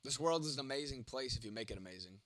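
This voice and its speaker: A man's voice: mid-range voice, lively intonation, fast talker, a bit bright, no room sound. A young man hosting a casual livestream, rambling and swearing as he answers chat comments by name, with a sore throat and a cough. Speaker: livestream host reading chat.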